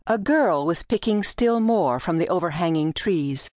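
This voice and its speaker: A woman narrates a literary tale as an audiobook, in scripted storytelling. Her somewhat low, slightly mellow voice is animated yet unhurried, each line deliberately phrased, and the studio sound is close and dry.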